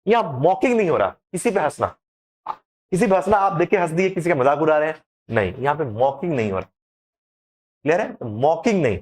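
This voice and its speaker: A man teaching an exam-prep lesson on English idioms, explaining in a lively, repetitive way and asking rhetorical questions. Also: fairly high pitch, brisk, pauses often.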